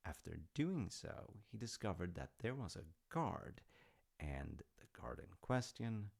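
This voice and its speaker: This is an intimate, rambling storytelling roleplay in which a man heavily acts the part of a proud, affectionate dad. His fairly low voice has vocal fry and big pitch swings, delivered at a measured pace as he muses conversationally with hesitant asides. He sounds fond and reflective.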